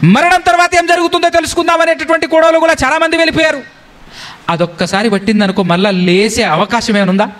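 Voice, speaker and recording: A man preaching a sermon, who keeps questioning his congregation and slowly draws out his scripture quotes. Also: very high-pitched, fairly even intonation, fairly bright tone. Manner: questions the congregation and repeats key phrases.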